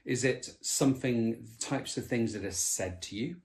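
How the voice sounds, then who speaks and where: A man's voice: mid-range voice, a little slow. A man co-hosting a podcast about relationships, explaining in a reflective, conversational way with frequent restarts. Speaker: podcast co-host.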